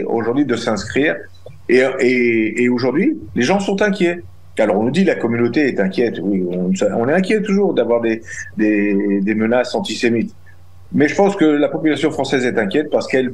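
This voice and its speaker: Speaking as a community representative in an interview, this middle-aged man has a darkish tone at medium pitch. His answers come out indignant and forceful, and he frequently begins his phrases again.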